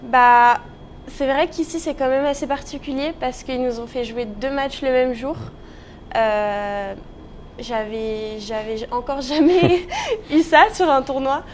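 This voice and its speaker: A nineteen-year-old professional tennis player from the Paris region of France answers interview questions casually. Her high-pitched voice takes things slowly, with a little hiss or hum in the recording.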